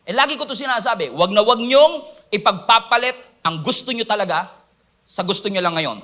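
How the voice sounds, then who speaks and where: Man, pastor, sermon, high pitch, bright tone, asks the crowd to answer. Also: lively intonation, brisk. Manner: preaching in Taglish, acting out excuses in quoted voices; asks the congregation for responses.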